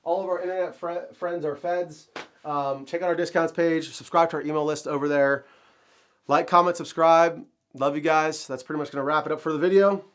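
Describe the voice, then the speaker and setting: A man's voice: a little high, steady tone, brisk. A man hosting his own channel, talking casually to camera with a nasal, stuffed-up voice from a cold, rambling with lots of fillers. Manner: rambling, with many fillers and restarts. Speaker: firearms channel host.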